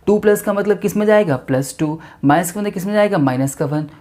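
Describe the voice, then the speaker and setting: A male teacher works through a chemistry lesson. His tone is mellow and warm. He keeps posing quick questions to his students and then answers them himself. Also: sits high.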